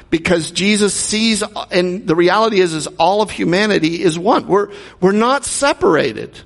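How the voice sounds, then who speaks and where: A pastor with a fairly high, creaky voice preaches conversationally, posing rhetorical questions to his congregation. The recording has long hall reverb.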